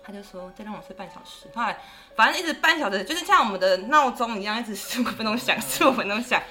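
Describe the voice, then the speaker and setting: Animated woman. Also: on the high side, quick pace, faint music behind. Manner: animated, acts out quoted voices. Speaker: guest storyteller. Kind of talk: casual ghost-story chat.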